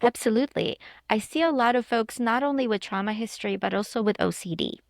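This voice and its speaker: Interview guest: Ukrainian-born woman psychologist, earnest explainer, dry close sound, some vocal fry. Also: on the high side, fast, no room sound. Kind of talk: interview answers.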